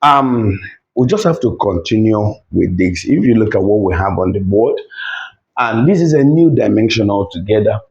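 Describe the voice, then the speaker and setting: A man teaching a language lesson at a board, repeating each word slowly to drill it. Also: lowish voice, lively intonation, darkish tone, dull audio.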